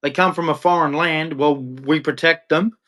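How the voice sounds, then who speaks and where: Fairly high in pitch, fairly even in intonation, sharp in tone and at a normal speed, this male live streamer from Australia delivers a confrontational, blunt rant to chat. He ends by sermonizing religiously.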